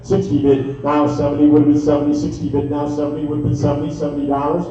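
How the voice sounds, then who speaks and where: Male auctioneer for live bid-calling, fast repetitive chant, heard from far off in a dull, very echoey room. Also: a little high, monotone. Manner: rapid repetitive bid chant with filler phrases. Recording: echoey distant dull room sound, faint music.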